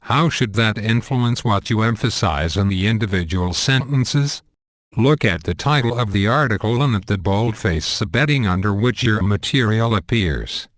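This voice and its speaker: Low-voiced man reading a lesson. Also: no room sound, studio quality. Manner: measured, deliberate, earnest reading. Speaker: narrator. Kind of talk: scripted instructional narration.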